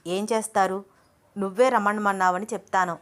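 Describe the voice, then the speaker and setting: A woman's voice: mid-range voice, steady tone, brisk, fairly bright tone, no room sound, lightly acted. A teasing young man, as a woman puts him on. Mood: persuading. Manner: coaxing, teasing. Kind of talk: audio story voice acting.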